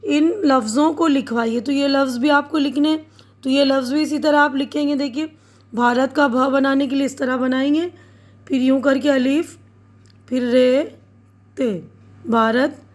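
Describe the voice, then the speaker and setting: A woman teacher calmly walking pupils through writing and reading words, spelling each one out letter by letter and checking in often with short confirmations. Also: high-pitched, moderate pace. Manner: checks in with "theek hai" often. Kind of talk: step-by-step writing lesson.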